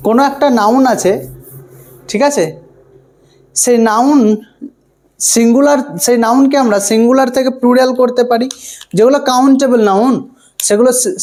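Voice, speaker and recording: A man's voice: very high voice, darkish tone. Male teacher who keeps checking understanding. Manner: repeats points and keeps asking students for confirmation; asks questions and answers them himself. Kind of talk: online grammar lesson.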